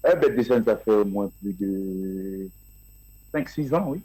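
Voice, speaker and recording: A man being interviewed about his music, answering in a halting way with many fillers and restarts. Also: fairly low pitch, animated, mellow, breathy edge, rough recording. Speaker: guest musician.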